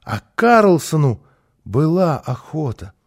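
A male narrator reads a children's story aloud, his voice sitting a touch higher than most men's. He tells it with lively, expressive phrasing. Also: takes it slowly.

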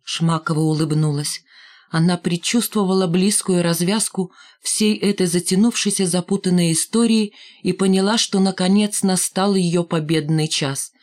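A woman reading an audiobook in a steady, expressive narration. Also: on the low side, normal speed. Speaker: audiobook reader. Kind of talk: scripted narration.

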